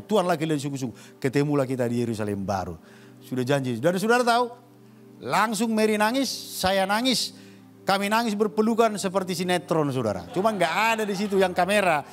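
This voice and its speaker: A man preaches a sermon to his congregation with a fairly high voice. He leans hard into emphatic rises, then sinks to quiet, hushed phrases. Soft music plays faintly behind him. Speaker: pastor.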